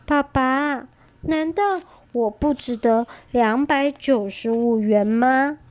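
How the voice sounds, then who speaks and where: A weepy little girl from a bedtime storybook whines between sobs in a high, bright voice, as a woman reads her part. She speaks slowly and plaintively. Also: no echo. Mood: soft, pleading. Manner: whiny, sobbing. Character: little girl doll, upset and tearful.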